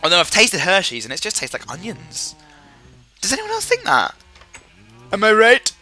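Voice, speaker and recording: A man's voice: high voice, wildly swooping pitch, normal speed, pushed and bright. A man giving rambling, jokey game commentary with silly asides, his voice sore and strained. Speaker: gaming commentator.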